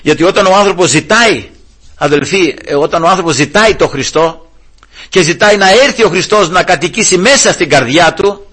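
A man's voice: sits high, a bit bright, husky. A male preacher giving a sermon, telling a Bible story and calling his listeners brothers.

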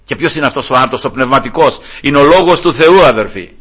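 Bright-voiced fervent male preacher. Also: lively intonation, breathy edge. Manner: fervent, rising to high emphatic pleas then dropping low; retells scripture dialogue with voiced quotes. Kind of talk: sermon.

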